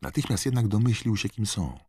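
A man reading a story aloud as an audiobook narrator, expressive and scripted. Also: fairly low pitch, a little fast, breathy edge, dry recording, clean studio sound.

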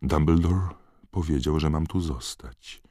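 A man voicing a shaken, exhausted teenage boy who mumbles hoarsely. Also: a bass voice, measured pace, dark tone, no echo, clean studio sound. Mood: dazed.

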